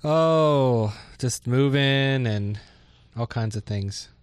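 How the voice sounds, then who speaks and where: A man's voice: medium pitch, extremely slow, clear, resonant tone, no room sound, clean studio sound. A man co-hosting a casual tech podcast, talking in a laid-back, slightly hesitant way. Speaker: podcast co-host. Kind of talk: casual tech news chat. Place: dry studio.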